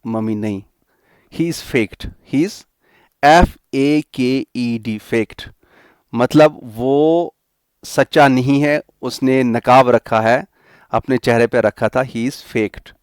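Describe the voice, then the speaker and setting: A man's voice: mid-range voice, slow, clear, resonant tone, dry recording, clean studio sound, lightly acted. A man voicing a tearful young woman who complains to her mother about her husband, as part of a story that helps students remember a lesson. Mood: upset. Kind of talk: storytelling mnemonic voice.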